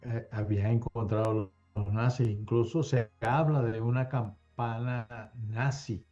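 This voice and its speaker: A man hosting a podcast, raising topics in a tentative, unhurried way. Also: mid-range voice, steady tone, dark tone, faint music behind. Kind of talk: casual podcast conversation. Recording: dull lo-fi audio.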